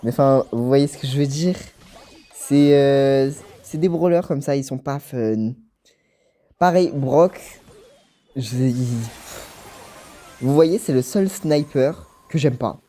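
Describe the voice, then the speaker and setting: A man's voice: medium pitch, slow pace, long pauses, mellow. A man giving casual commentary on his gameplay, rambling and stammering as he repeats words. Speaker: gaming channel host.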